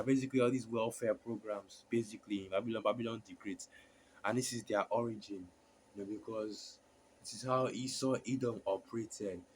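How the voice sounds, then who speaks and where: Hoarse from a sore throat, a man preaches and reads scripture haltingly, full of fillers and restarts. His pitch is fairly low, and the rough recording carries a little hiss or hum.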